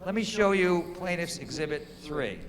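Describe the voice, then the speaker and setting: A man acting as an attorney, questioning a witness in a mock trial with measured, leading questions. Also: a little high, lively intonation, crowd noise. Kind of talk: courtroom examination in a mock trial. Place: courtroom. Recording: long hall reverb.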